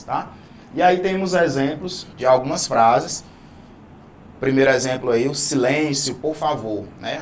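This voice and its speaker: With a voice on the high side and a faint hiss or hum behind it, a man presents a Portuguese grammar lesson on video. He explains things patiently in a teacherly way, lengthening key words and frequently adding "né?" and "tá?".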